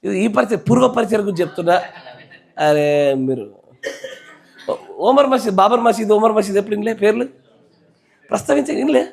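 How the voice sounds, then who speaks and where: Telangana-accented male pastor, high-pitched, preaching and quizzing his congregation in church. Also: a little fast, vocal fry, long pauses, husky. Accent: Telangana Telugu. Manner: quizzes the congregation, keeps asking yes or no. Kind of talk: sermon.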